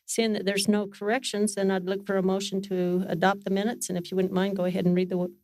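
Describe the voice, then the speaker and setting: Woman, meeting chair, medium pitch, formal procedural speech, halting delivery, dry room sound. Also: little pitch movement, darkish tone, dry recording. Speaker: chair of a city council meeting. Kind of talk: formal meeting facilitation, partly off the cuff. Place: council meeting room, speaking into a microphone.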